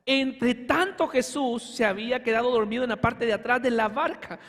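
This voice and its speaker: A man preaching a sermon as pastor, fervent, with sudden shouts and slow emphatic lines. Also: very high voice. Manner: addresses congregation as hermano, asks for amen. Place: church sanctuary. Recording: hall reverb in a church.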